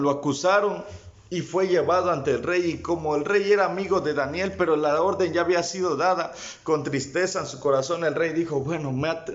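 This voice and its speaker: A man preaching a sermon, speaking straight to his listeners and rising in fervor. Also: a little high. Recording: dull lo-fi sound.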